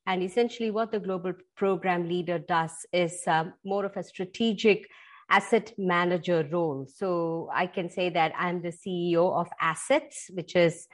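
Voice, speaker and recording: Articulate Indian woman, low voice. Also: steady tone. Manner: articulate, explanatory, measured. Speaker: guest, pharma executive. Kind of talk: podcast interview.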